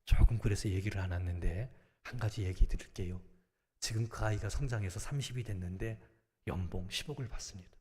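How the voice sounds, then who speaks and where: Middle-aged pastor guy preaching, gets loud then drops to a near whisper, big echoey church hall. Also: fairly low pitch, a little fast. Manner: emphatic preaching, shifting between loud exhortation and hushed near-whispers. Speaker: senior pastor. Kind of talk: sermon. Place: large church sanctuary. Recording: long reverb of a church sanctuary.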